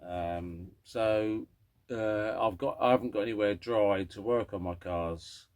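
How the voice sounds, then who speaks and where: Deep voiced bloke, middle aged, grumpy old man type, rambling on casually for his car vlog. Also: measured pace, a little mellow. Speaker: host of a classic car vlog.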